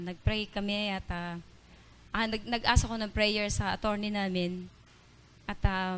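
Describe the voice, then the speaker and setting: A woman giving an earnest church testimony during an evening service, halting often with fillers and restarts. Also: medium pitch, a bit bright, smooth. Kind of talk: spoken testimony in Tagalog-English mix.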